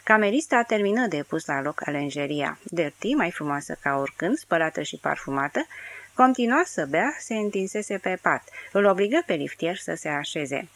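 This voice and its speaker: A woman narrating an audiobook of a novel in a steady, measured way. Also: lowish voice, no echo.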